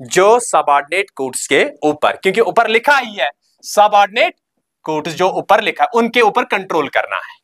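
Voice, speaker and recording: This high-pitched man teaches at a coaching class, and his recorded lecture has a steady, drilling rhythm. Key terms come out slowly and get repeated. He throws quick questions at the students, supplies the answers himself, and reminds them again and again to remember.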